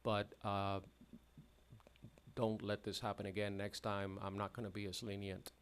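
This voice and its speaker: A man serving as hearing magistrate, giving measured, firm rulings with frequent pauses, heard in a courtroom hearing recording. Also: fairly low pitch, flat delivery, clear, resonant tone. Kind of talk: formal hearing proceedings. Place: hearing room.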